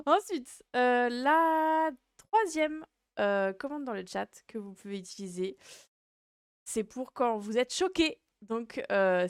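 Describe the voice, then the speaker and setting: Clear-voiced woman, cute casual streamer. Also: medium pitch, no room sound, clean studio sound. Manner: hesitant, rambling delivery. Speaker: VTuber livestream host. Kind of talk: casual livestream chat.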